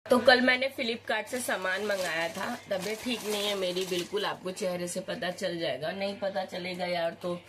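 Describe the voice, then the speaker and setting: A woman with a cold vlogging at home early in the morning, speaking softly and slowly so as not to wake anyone. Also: mid-range voice, steady tone. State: has a cold. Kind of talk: casual home vlog. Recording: noticeable background noise with vehicles.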